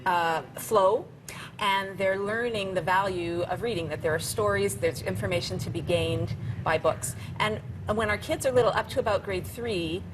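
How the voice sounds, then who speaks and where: A woman's voice: medium pitch, normal speed, noisy background. A woman speaking as a parenting expert, explaining conversationally in a practical, encouraging way.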